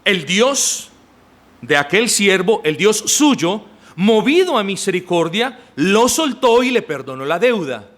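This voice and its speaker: A man preaching in a church, his fairly high voice rising and falling widely. He speaks emphatically and turns often to his listeners, telling them what each part means for them. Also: sing-song, slow pace, a bit bright. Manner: emphatic, addresses the congregation directly. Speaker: pastor. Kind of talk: sermon.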